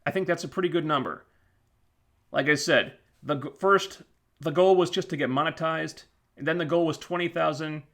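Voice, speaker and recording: A man with a high-leaning, fairly bright voice hosts a YouTube live stream and is winding it down casually. His voice is going, so his thanks to the audience come out rambling, full of fillers and false starts.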